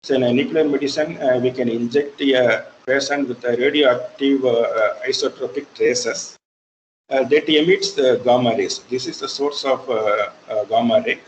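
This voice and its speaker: A man's voice: mid-range voice, fairly even intonation, normal speed, slight background noise, poor audio. Hesitant man lecturing, Indian English. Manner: hesitant, many fillers. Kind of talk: online lecture.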